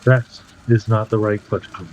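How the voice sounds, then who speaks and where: A man narrating a tabletop game as game master in a casual, halting, descriptive way. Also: on the low side, steady tone, darkish tone, muffled recording, a little hiss or hum.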